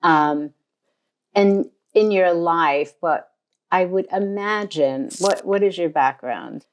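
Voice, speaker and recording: An older woman hosts a relaxed interview. Her voice sits low, and she speaks in a complimentary way, pausing often as she thinks aloud. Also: highs cut off. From United States. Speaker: podcast host, fashion designer. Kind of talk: casual interview.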